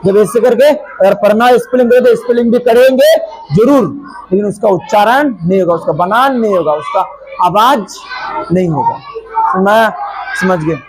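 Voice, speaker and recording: A man teaching an English class, speaking loudly and repetitively, spelling words out letter by letter and often asking whether the students understood. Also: sits high, moderate pace. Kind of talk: classroom lesson. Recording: noisy classroom with chattering students.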